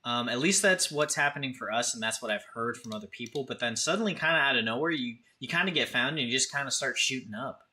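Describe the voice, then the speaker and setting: A fast-talking man in his thirties, mid-range in pitch with a sharp tone, barely pauses while hosting his casual stream. He chats informally and speaks directly to viewers in the chat.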